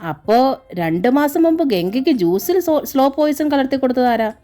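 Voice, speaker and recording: A woman's voice: high voice, expressive, normal speed, warm tone, voice pushed up. A stern police interrogator, pressing and menacing, as a woman reader puts the voice on. The tone is a little raised and hard, with faint music underneath. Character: stern threatening police officer.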